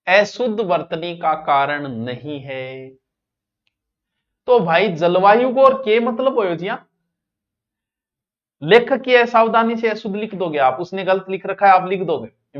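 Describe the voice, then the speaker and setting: Chatting straight to his students, a man teaching an exam-prep class speaks in a high voice and keeps repeating the important words to stress them. The audio comes across muffled and lo-fi.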